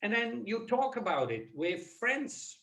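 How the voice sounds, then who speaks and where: A man's voice: very high-pitched, sing-song, a little slow, fairly bright tone. A man from the Netherlands with a Dutch accent, a native Dutch speaker, giving a webinar talk on a video call in an earnest, personal way. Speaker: webinar presenter. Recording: echoey, distant from the mic.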